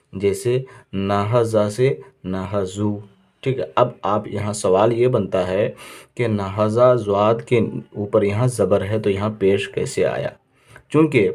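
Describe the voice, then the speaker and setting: Brief: low-pitched male teacher drilling verb forms, patient and methodical. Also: darkish tone. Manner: patient, repeats each word with its meaning, asks and answers his own questions. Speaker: Arabic grammar teacher. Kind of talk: classroom lesson explanation.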